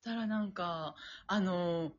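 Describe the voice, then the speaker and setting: A woman's voice: lowish voice, slow, lo-fi sound. A woman in her twenties hosting a casual radio talk show, telling stories with lots of laughter and acting out her relatives' voices. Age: 20s. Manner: chatty, laughing storyteller, acts out relatives' voices.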